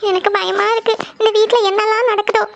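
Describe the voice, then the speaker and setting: A very high-voiced young wife in a cartoon pleads and frets, easily frightened, voiced by a woman. Her words come fast. The sound is dull and lo-fi. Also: fairly even intonation, lightly acted. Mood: scared. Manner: fearful, pleading. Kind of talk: cartoon voice acting. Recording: dull lo-fi audio.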